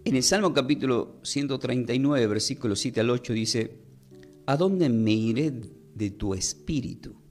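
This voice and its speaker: A man preaches a sermon at a mid pitch. He talks in a measured way and slows down to stress key words. Faint instrumental music plays softly behind him.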